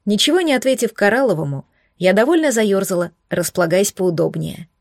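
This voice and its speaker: A woman reading first-person fantasy narration in a lively, wry, expressive way. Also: mid-range voice, brisk, dry recording, clean studio sound. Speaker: audiobook narrator.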